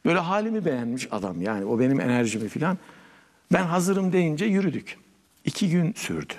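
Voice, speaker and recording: Older man telling a lively story. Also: fairly high pitch, brisk, in a large hall. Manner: animated storyteller acting out dialogue. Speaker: guest, poet and writer. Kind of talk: storytelling in a studio interview. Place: television studio.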